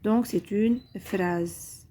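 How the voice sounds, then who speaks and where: Slow, mellow-voiced woman teaching grammar. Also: medium pitch. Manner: slow and deliberate, repeating each point. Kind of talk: recorded grammar lesson for pupils.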